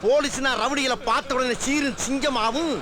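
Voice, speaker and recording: An actor playing a boastful, soft-hearted head constable in a comedy film, with a pompous, melodramatic and whiny delivery. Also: male voice, extremely high pitch, fairly even intonation, normal speed, noisy background. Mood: sentimental. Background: film score.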